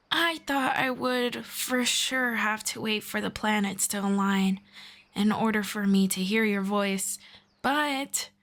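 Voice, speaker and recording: A female roleplay performer voices a friendly, calm forest elf in an ASMR fantasy scene. Her slightly high voice is measured and playful, with a gently sarcastic edge.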